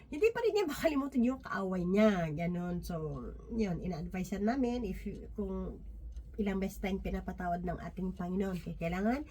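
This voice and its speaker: Warm-voiced woman giving a casual devotional talk. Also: medium pitch, expressive, slight background noise. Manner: conversational, constant tag questions to listeners; halting, many restarts and fillers. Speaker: lay speaker sharing a Bible reflection.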